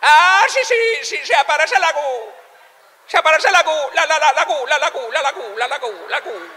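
A frantic stuttering boatman, as a Colombian comedian puts him on, his voice shooting far up into a squeaky, bright register as he hammers the same syllables over and over. It rings out in a live hall with a long reverb. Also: expressive, normal speed, heavily acted. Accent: Colombian Spanish. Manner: stutters, repeats syllables in squeaky high bursts. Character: frantic stuttering male boat owner.

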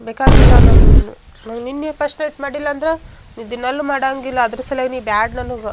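A woman playing a sulky young bride, quick high voice. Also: fairly even intonation. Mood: reproachful. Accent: North Karnataka Kannada. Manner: rapid, reproachful. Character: young bride, scornful, sulking. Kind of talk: village comedy skit. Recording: loud background noise.

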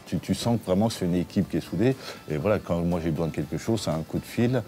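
A man in his forties, a restaurant owner, talking in an interview in a relaxed, chatty way, with fillers and restarts. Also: low-pitched, quick pace, faint music behind. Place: his restaurant dining room.

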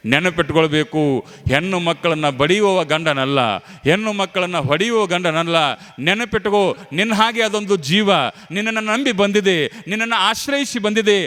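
High-pitched preacher, folksy storyteller, faint music behind. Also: male voice. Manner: animated folksy storytelling, addresses the audience. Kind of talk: storytelling sermon.

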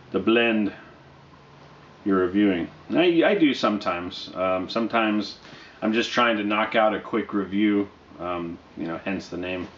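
A man in his thirties reviews a product casually in a fairly low voice. He is unhurried and low-key, often halting between phrases. The sound is dull and roomy, picked up by a camera mic indoors. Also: a bit bright, slight background noise. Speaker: pipe tobacco reviewer. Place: small dim living room, indoors.

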